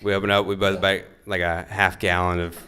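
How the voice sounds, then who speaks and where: A young man, the groom's brother, gives a wedding toast in a low, fairly quick voice. He tells a funny story animatedly and laughs along through his lines.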